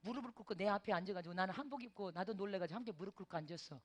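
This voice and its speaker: Animated Korean woman preaching a testimony. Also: mid-range voice, very fast, slightly rough. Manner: animated storytelling with frequent interjections. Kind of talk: testimony sermon.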